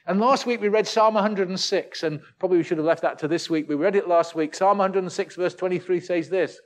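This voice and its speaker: A man preaching a sermon, earnest and full of rhetorical tag questions, slowing and dropping his voice to stress key words. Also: high-pitched.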